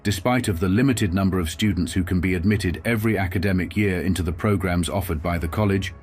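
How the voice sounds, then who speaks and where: A man reading a documentary voice-over in a measured, formal way. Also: sits low, faint music behind. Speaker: documentary narrator. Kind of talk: scripted voice-over narration.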